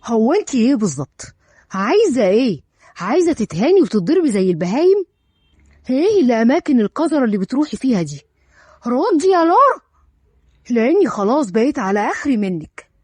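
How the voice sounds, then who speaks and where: A woman's voice: medium pitch, big pitch swings, fast talker, husky, no echo. A woman with an Egyptian accent voicing a harsh, hot-tempered young man in a storybook reading, threatening and scolding. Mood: angry. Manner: threatening, shouting in anger.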